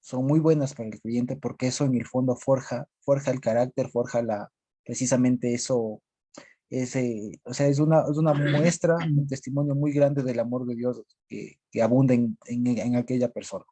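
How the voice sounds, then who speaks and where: A man leading a group Bible study, talking haltingly and searching for his words. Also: mid-range voice, flat delivery, dark tone, no echo.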